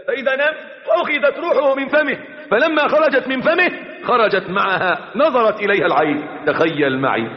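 A male preacher giving an impassioned sermon, calling out to his listeners and chanting verses. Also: high voice. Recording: echoey hall, dull lo-fi sound.

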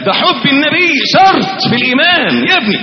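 A man preaching a lively sermon with an Egyptian accent. He swings from loud exclamations to soft asides and acts out little dialogues. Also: extremely high pitch, fast, a crowd in the background. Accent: Egyptian Arabic. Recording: echoey, reverberant, dull lo-fi hall recording.

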